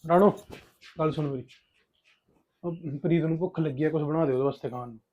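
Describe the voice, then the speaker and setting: A man's voice: on the high side, brisk, slight background noise, close to an everyday voice. An actor playing a callous young husband who brushes off his first wife and sweet-talks his new one. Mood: angry. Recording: dry, tinny phone-like sound.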